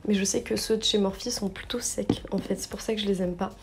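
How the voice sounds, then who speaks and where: A woman's voice: medium pitch, fairly even intonation, a little fast, gravelly, noisy background. A young woman narrating her makeup step by step in a casual vlog, chatty and full of little fillers and self-corrections. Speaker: beauty vlogger.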